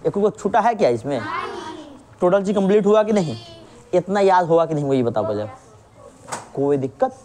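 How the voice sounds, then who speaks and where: A woman teacher with a lilt walks a student through a reasoning lesson. Her pitch swings widely as she drills with call-and-response, asking again and again whether there is any problem. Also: lively intonation, a little fast, dark tone. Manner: patient, keeps checking understanding with repeated questions.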